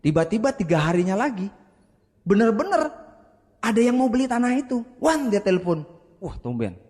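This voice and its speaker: Seminar speaker, male, high-pitched, animated storyteller, hall reverb. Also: fairly quick. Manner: animated, acts out quoted dialogue, addresses the audience directly. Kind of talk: motivational storytelling to an audience.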